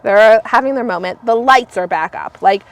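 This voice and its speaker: A woman in her thirties with a sick, raspy voice, coughing now and then as she tells a story in casual chat, laughing a lot. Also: a little high, moderate pace. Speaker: podcast guest.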